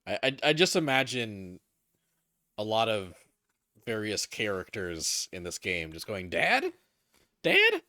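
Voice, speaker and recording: Male game streamer: lively, joking casual commentary, lower register, dry close sound. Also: a little slow, clear, resonant tone, dry recording. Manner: animated, joking.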